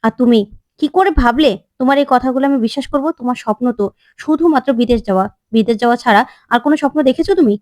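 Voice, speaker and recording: A woman's voice: on the high side, rapid-fire, a little mellow, no echo, studio quality, lightly acted. A woman voicing an angry, anguished young husband in a retold drama story, talking in a plain pleading or rejecting way. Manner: pleading, then sharply rejecting.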